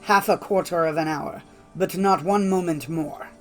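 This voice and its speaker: A woman's voice: on the low side, normal speed, soft background music, lightly acted. Storybook villain, played by a female narrator: a merciless, domineering husband with a harsh, menacing delivery. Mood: cold menace. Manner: commanding, harsh. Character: cruel, bellowing husband, menacing murderous villain.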